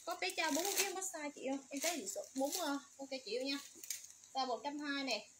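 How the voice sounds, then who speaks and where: A woman's voice: sits high, fast, very noisy. A woman running a livestream sale, rattling off product codes and prices in a repetitive sales patter. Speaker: livestream seller.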